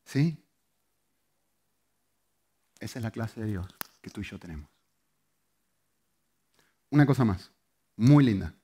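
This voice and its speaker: A man preaching a sermon, moving between loud, emphatic lines and soft, hushed ones. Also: lowish voice, lively intonation, takes it slowly, pauses often, slightly rough. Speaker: pastor.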